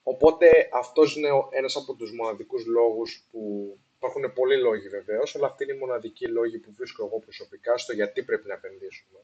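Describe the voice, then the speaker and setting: A man's voice: mid-range voice, hardly any pauses, mellow, husky, lo-fi sound. A man hosting a casual explainer on investing, slipping English phrases into his talk with many fillers and restarts, recorded with poor sound. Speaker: investing video host. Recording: poor sound quality, apologized for.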